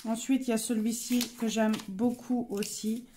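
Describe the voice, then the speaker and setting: Chatty French-speaking woman, mellow. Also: fairly high pitch, level tone, normal speed, a little hiss or hum. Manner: chatty, hesitant, many fillers and self-corrections. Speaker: vlogger showing her coloring pages. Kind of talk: casual show-and-tell.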